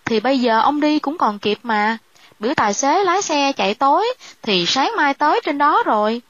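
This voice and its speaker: A woman's voice: high voice, sing-song, normal speed, fairly bright tone, no room sound, lo-fi sound. A woman voicing a haunted, fretful middle-aged provincial wife. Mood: brisk. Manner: anxious, fretful.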